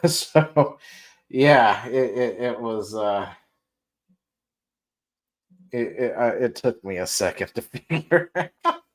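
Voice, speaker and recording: A man's voice: mid-range voice, lively intonation, takes it slowly, long pauses. A tired man hosting a casual gaming news livestream, joking, laughing often and restarting his sentences. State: tired, yawning. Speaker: podcast host.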